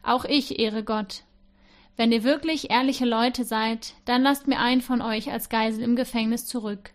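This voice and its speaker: A woman's voice: fairly high pitch, fairly even intonation, normal speed. A woman reading a Bible passage aloud in church, giving the quoted speakers some expression. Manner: reads with expression, voicing the speakers' lines. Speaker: scripture reader.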